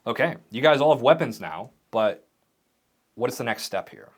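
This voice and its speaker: A man's voice: mid-range voice, normal speed, husky. Man narrating a tabletop game with gusto. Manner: animated, vivid storytelling. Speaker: game master.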